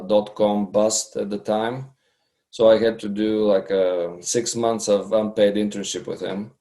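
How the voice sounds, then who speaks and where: A man's voice: lowish voice, vocal fry, warm tone. A man in his fifties from Bulgaria, talking as an interview guest in a hesitant way with many fillers and restarts. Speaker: guest, customer researcher. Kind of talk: casual interview talk.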